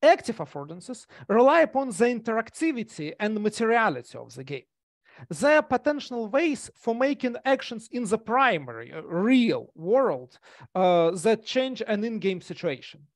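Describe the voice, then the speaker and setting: The Russian presenter delivers his academic talk over a video call through a gaming headset, stumbling with many fillers and restarts from a small indoor room. His voice sits high and is very animated at normal speed, with studio quality and no room sound.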